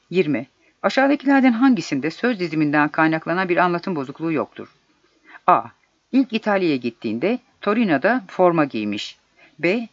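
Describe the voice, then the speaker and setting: Questions and solutions from an exam are read aloud by a high-pitched male narrator who keeps a deliberate, measured pace. The recording has a dull, lo-fi quality and no room sound whatsoever.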